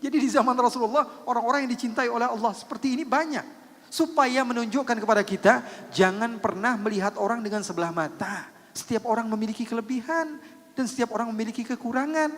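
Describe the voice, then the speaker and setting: A male preacher tells a story and exhorts his listeners in an earnest, animated sermon. His voice sits high, and a long reverb carries it through a large hall. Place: large hall at religious gathering.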